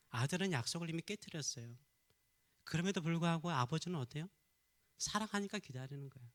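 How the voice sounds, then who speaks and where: A middle-aged Korean pastor delivers a sermon in a slightly high, sharp-toned voice, posing questions to the congregation and answering them himself.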